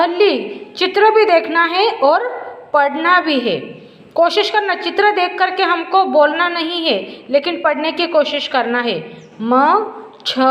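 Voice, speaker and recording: Woman teacher, high voice, very slow, repeating for small children, echoey room. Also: a bit bright. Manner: slow, drawn-out and repetitive, asking questions and answering them herself. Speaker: primary school teacher. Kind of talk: slow Hindi letter-and-matra lesson for first graders. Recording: echoey room with long reverb.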